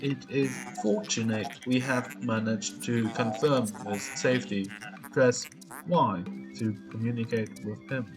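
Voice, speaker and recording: A man's voice: medium pitch, steady tone, unhurried, close to an everyday voice, poor audio. A man reading as a stiff spaceship computer. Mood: formal. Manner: stiff, formal, instructive. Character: calm formal male spaceship computer. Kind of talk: reading game dialogue aloud. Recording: music playing behind.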